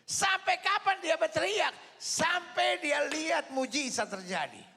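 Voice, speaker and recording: A pastor preaching from the pulpit in a very high, bright voice, ringing through a big church hall with a long echo. He pushes his lines into shouts and repeats them, and calls on the crowd to answer him. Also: lively intonation, unhurried, creaky, slight background noise. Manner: preaching with shouted repetitions and crowd call-and-response. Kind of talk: sermon. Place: large church auditorium. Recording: long reverb of a large hall.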